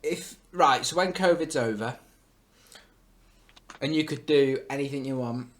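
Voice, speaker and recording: A young man co-hosting a podcast, chatting casually, laughing often and cutting in with quick remarks. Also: mid-range voice. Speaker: podcast co-host. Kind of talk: casual chat.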